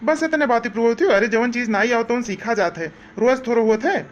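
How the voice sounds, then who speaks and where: A man's voice: very high voice, fast talker, muffled recording. A man playing an easygoing young husband who coaxes and soothes in an in a comedy skit. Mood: coaxing.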